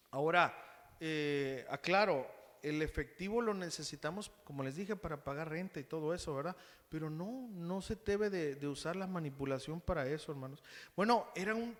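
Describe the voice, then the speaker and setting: A man's voice: sits high, a bit bright. A man with a Mexican Spanish accent preaching a sermon as pastor, speaking conversationally and calling the congregation brothers. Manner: uses quick acted quotes of others. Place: church hall. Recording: long hall reverb.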